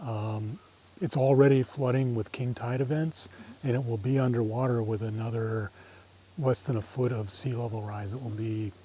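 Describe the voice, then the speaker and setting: A man's voice: mid-range voice, mellow, poor audio. A middle-aged man giving an informal talk as he guides a nature walk, reflective and tentative, often trailing off at the ends of phrases. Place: outdoors on a farm trail.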